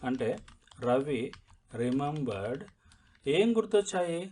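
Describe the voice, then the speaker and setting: A man's voice: a little high, big pitch swings, darkish tone, slight background noise. A man with a Telugu accent teaching spoken English, reading a story line by line, translating it and saying "okay" often. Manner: slow, step-by-step, repeats phrases and says "okay" often.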